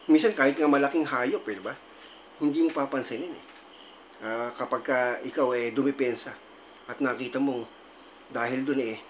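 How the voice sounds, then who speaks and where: A man's voice: mid-range voice, fairly bright tone, lo-fi sound, a little hiss or hum. A man giving casual advice as a video host, rambling and checking in with tag questions.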